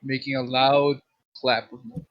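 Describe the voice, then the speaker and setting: A man's voice: mid-range voice, flat delivery, measured pace, muffled recording. A man playing a tabletop game, chatting casually and eagerly describing his character's actions. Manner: describes his spell flavor with gusto. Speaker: player.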